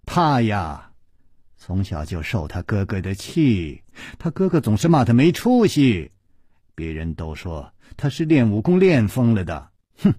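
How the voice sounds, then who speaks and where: 男人扮演的沙哑低语的风骚妇人. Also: male voice, lowish voice, big pitch swings, measured pace, dark tone, no room sound, clean studio sound, voice pushed down, full character voice. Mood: gossipy. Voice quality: husky, breathy whispering. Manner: coquettish, teasing, giggling. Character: flirtatious lustful middle-aged woman. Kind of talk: storytelling character voice.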